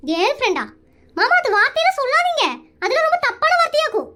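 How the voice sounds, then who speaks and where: A woman's voice: very high-pitched, very animated, quick pace, sharp tone, full character voice. A woman voicing a strict, bossy village mother and wife in a cartoon comedy, scolding in a rural Tamil Nadu accent. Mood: stern.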